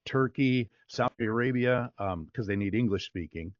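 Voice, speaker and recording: A male voice-over artist, talking casually as an interview guest, in a relaxed and chatty way with fillers. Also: medium pitch, moderate pace, dry recording, highs cut off.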